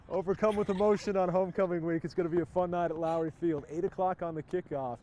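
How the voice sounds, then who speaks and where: A man working as a TV sports reporter, interviewing people outdoors at a high school event with an energetic, polished broadcast delivery. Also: quick pace. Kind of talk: upbeat on-location TV interview.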